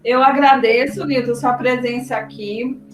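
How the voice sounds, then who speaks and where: A somewhat high-voiced woman, hosting an academic interview in a polite, measured way. Her voice sounds roomy and set back from the mic, with music clearly playing underneath. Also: steady tone, recorded from a distance. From Brasília, Brazil. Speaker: interview host, sociolinguistics researcher. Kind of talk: formal interview hosting and thanks.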